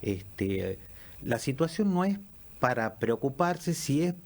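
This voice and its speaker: A man, a lung doctor answering questions in a radio interview, measured and explanatory with frequent fillers. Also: medium pitch, big pitch swings. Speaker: pulmonologist guest.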